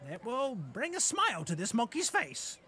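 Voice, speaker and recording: A man's voice: extremely high pitch, wildly swooping pitch, moderate pace, bright, forceful tone, slight background noise, pitched above the performer's own voice, exaggerated voice. A man voicing a small, fussy male goblin dressed as a ladybug, who pleads politely and hesitantly. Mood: polite pleading.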